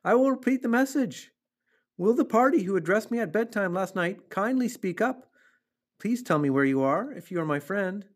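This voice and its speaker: A man's voice: mid-range voice, animated, normal speed, slightly rough. A man voicing an eager, polite young pig in a storybook, earnest and exclamatory, stammering when flustered. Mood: loud, formal.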